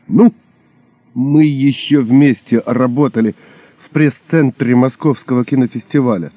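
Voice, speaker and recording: A man's voice: unhurried, dry recording, close to an everyday voice. A man doing a sly suave undercover agent. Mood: needling. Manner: suave, then hissing and low. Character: sly smooth-talking male undercover agent. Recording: dull lo-fi recording.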